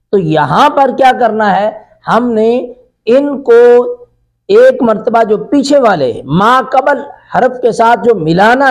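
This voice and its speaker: A male Quran teacher with a Pakistani Urdu accent gives an online tajweed lesson. His voice sits very high, and his overall pace is very slow. He drags out each practice syllable, then rushes through short explanations. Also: darkish tone. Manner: drills syllables slowly, then explains in quick bursts. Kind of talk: online tajweed lecture with drilled syllables and chanted recitation.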